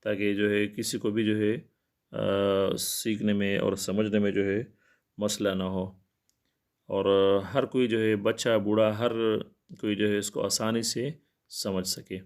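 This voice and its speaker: A man's voice: fairly low pitch, little pitch movement, a little mellow. A man teaching Quran recitation, explaining common mistakes plainly and repeating himself. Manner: plain, explanatory and repetitive, with filler pauses.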